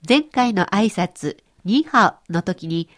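Lively, cheerful woman teaching a language. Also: medium pitch, slow. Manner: cheerful explaining, lively intonation. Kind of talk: radio language lesson.

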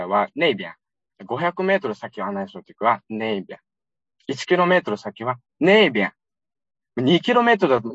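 A man from Xinjiang, China, giving a lively, conversational public lecture with frequent fillers. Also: mid-range voice, breathy edge, no echo. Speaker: guest lecturer. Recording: dull lo-fi recording, dry.

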